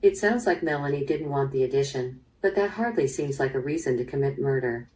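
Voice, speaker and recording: Playing a probing police detective in an interactive audio drama, this actress uses a low, animated voice with a slightly mellow quality. Her delivery is measured and businesslike, heard via a speaker from a little distance.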